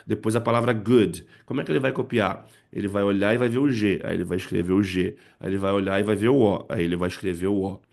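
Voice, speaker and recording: A man's voice: on the low side, steady tone, fast talker, gravelly, hardly any pauses, a little mellow. A man teaching how to use poems in English lessons, explaining step by step and checking in with his listeners. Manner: explanatory, frequent "né" and "tá" check-ins. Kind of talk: spoken lesson to parents and teachers.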